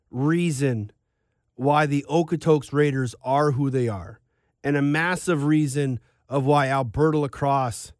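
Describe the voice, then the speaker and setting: Higher-pitched male sports podcaster, dry close sound. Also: no room sound. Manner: rambling, conversational. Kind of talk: casual podcast talk.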